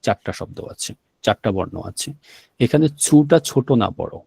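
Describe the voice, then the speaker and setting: A man's voice: mid-range voice, animated, normal speed, creaky, a little mellow, slightly rough, no room sound. Guy teaching a class, keeps repeating stuff n asking if u got it, dry close sound. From Bangladesh. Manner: patient, repeats words and checks understanding. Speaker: Japanese language teacher. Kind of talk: classroom lesson explaining vocabulary.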